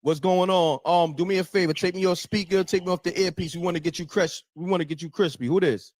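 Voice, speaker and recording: Energetic man hosting a call-in livestream. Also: sits high, fast, no room sound. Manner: energetic, hyping the audience. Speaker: livestream host taking calls. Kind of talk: casual hype talk show.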